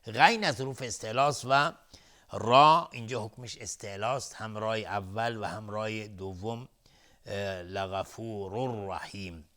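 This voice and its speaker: A man's voice: on the low side, sharp tone. A man teaching Quran recitation rules on television, explaining methodically and repeating sounds as drills. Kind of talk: tajweed lesson explanation. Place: television studio.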